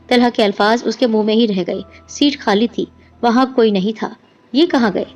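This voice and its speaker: A woman narrating a horror story in a steady, scripted storytelling voice. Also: fairly high pitch. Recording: dull lo-fi with music behind.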